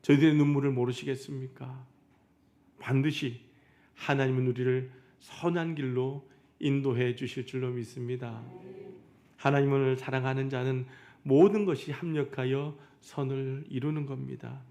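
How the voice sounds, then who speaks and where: A man's voice: medium pitch, fairly even intonation, moderate pace, warm tone. A male pastor preaching a Sunday sermon, telling a story to his congregation and acting out the quoted dialogue. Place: church sanctuary.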